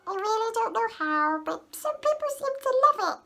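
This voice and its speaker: A woman voicing a tiny, cute cartoon creature in a very high, squeaky put-on voice, as a playful impression. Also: big pitch swings, normal speed, creaky, pushed and bright, exaggerated voice. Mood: cutesy.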